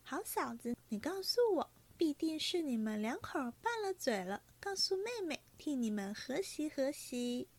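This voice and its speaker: A woman reading aloud and voicing a witty young noblewoman who teases in a high, sly voice. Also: very animated, normal speed, gravelly, exaggerated voice. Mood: teasing.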